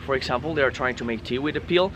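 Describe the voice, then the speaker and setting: A man's voice: medium pitch, rapid-fire, noisy background. A man, a native Spanish speaker from Colombia, guiding a group on a coffee farm. He explains patiently and ends many phrases with "okay?". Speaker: tour guide. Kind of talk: guided tour explanation.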